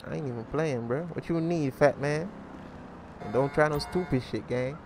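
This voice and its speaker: A man with a fairly high voice and moderate pace plays a crime role-play game on his YouTube series. His commentary is slangy and laid-back, he calls viewers gang, and music plays in the background.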